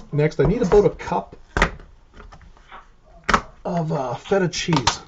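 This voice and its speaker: A man's voice: fairly high pitch, heavy background noise. A man with a Canadian accent hosting a live cooking stream, explaining casually as he chops and preps. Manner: casual, chatty, explains as he works. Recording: dull lo-fi stream audio.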